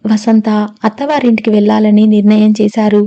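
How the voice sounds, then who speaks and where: A woman's voice: medium pitch, level tone, brisk, warm tone, dull audio, lightly acted. A woman reading the part of a spirited young woman who protests emphatically in a storybook reading. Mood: indignant.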